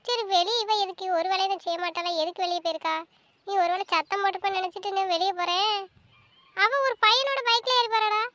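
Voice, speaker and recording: Brief: woman as an anxious elder sister, very high bright voice, nagging and insistent. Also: fast talker. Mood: agitated. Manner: frets aloud, calls out insistently. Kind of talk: family web-series drama acting.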